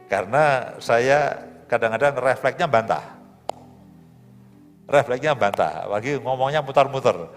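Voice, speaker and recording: A man, a pastor preaching a sermon in a conversational, lively way with humor and asides. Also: mid-range voice, a little slow, long pauses. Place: large church hall. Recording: live church stream, hall reverb, soft music.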